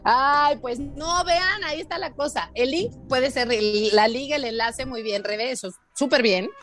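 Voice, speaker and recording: A woman runs a playful spelling quiz on the radio, teasing her hosts and stressing each rule. Her voice sits a little high, with faint music playing behind her. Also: unhurried, a bit bright. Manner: teasing, emphatic, laughs often. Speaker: spelling and grammar guest expert.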